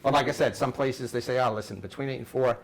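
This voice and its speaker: Talking fast in a medium-pitched voice, a man shows staff how their new intercom equipment works, walking through it one step at a time and repeating himself often. The informal demo takes place in a workplace room full of noise and background hiss.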